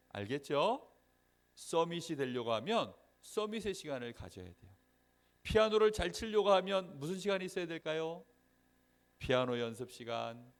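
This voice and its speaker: A man preaches to a Sunday school class of children in a voice set somewhat high, swinging widely up and down as he talks. He keeps asking the children questions and checking that they follow, and he acts out little scenes as he tells them. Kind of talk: children's sermon.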